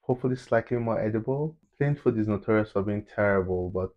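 A man's voice: on the low side, fast talker, muffled recording. A young man co-hosting a travel vlog, chatting casually and opinionated, recorded in a hotel room on a lapel mic. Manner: animated, opinionated, laughs easily. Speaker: travel vlogger co-host. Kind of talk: casual review chat.

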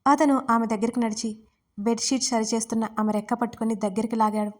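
Female storyteller, scripted romance narration, slightly high voice. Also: fast talker. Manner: steady reading of a romance.

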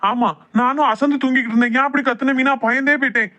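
A woman's voice: high voice, steady tone, fast talker, sharp tone. A woman playing a hesitant Kanyakumari husband. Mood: placating. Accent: Kanyakumari Tamil. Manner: hesitant, placating. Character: sleepy, indecisive young husband and brother.

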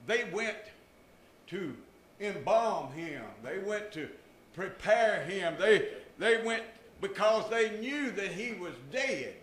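The sermon comes from an older pastor at a church pulpit, his high voice a bit bright. He stresses points with emphatic rises and drops, and the room is echoey.

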